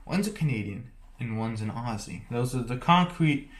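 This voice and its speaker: A man's voice: mid-range voice, normal speed. A man giving a joking, mock-serious conspiracy rant as a YouTuber, rambling and often restarting his sentences. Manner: rambling, self-interrupting, half-joking deadpan.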